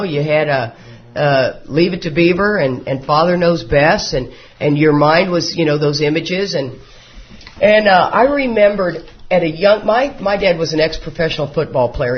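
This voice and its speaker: A man in his 50s tells his life story to a live recovery group, a folksy, joking storyteller who laughs often. His voice is on the high side. The meeting recording sounds dull and lo-fi.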